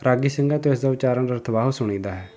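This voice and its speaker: A man playing a student in a lesson dialogue, reciting verses slowly and carefully. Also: medium pitch, mellow, faint music behind.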